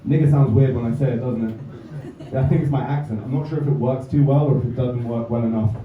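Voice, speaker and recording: In a distant, roomy, slightly dull recording from a comedy club, a young man from England performs stand-up with wry, self-deprecating asides. His mid-range voice stays steady and moves a little fast, over slight background noise and laughter from the audience.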